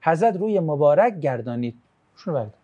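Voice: mid-range voice, very animated, dark tone, highs cut off. Religious teacher, chatty and jokey, reads out questions then answers them, falls into storytelling. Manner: casual, joking, reads student questions aloud then answers; shifts into storytelling when recounting a religious tradition. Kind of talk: conversational religious lesson.

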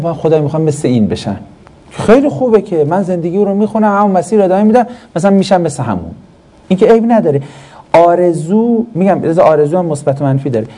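A man teaching in a classroom, his voice sitting fairly high and mellow. He swings his pitch widely as he quizzes the students and then answers his own questions. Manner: animated, asks the class questions and answers them himself. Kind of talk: classroom lesson on Quranic Arabic grammar.

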